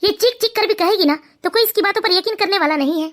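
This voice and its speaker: A woman's voice: very high-pitched, fast. A woman voicing a smug, sleazy cartoon son-in-law. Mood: mocking. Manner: smug, mocking. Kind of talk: cartoon voice acting.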